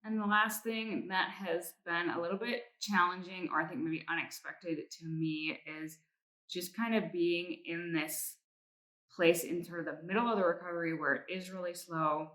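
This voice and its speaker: A woman's voice: fairly low pitch, steady tone, normal speed, a bit bright, rough recording. A woman vlogger giving a casual personal update in a reflective, somewhat hesitant way.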